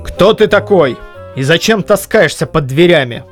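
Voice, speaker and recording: A woman voicing a stern, gruff young blacksmith who barks harsh orders in an audiobook reading. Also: lowish voice, animated, moderate pace, over loud music, voice pushed up, lightly acted. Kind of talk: audiobook reading of a classic story.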